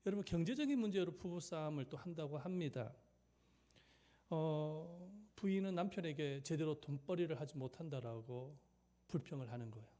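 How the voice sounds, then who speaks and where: A man's voice: a little high, mellow. A male pastor preaching a sermon, telling stories and asking the congregation rhetorical questions.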